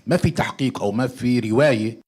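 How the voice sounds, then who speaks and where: A man's voice: medium pitch, racing, a little mellow. A man briefly clarifying a point at a symposium.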